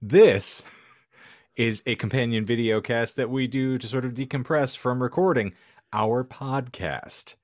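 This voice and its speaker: A man with a mid-range voice hosts a comedic podcast, bantering casually in florid, theatrical, wordy language. The recording is dry and of studio quality.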